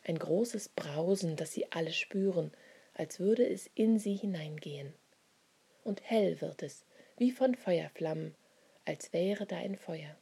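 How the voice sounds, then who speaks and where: A woman reads a children's Bible story aloud, softly and often in a half-whisper. Her voice is very husky and breathy, low and mellow, with a gravelly edge.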